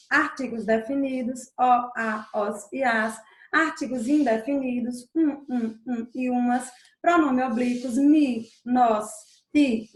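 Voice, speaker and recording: A woman giving a recorded grammar lesson, drawing out stressed syllables and repeating them slowly for emphasis. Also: high voice, reverberant. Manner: stretches stressed syllables, slow emphatic repetition. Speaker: teacher.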